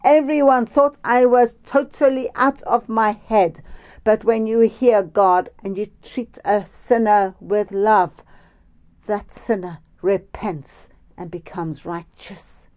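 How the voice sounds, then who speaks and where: A woman preaching by phone, telling a personal story in a slow, deliberate way. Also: mid-range voice, fairly even intonation, a little mellow.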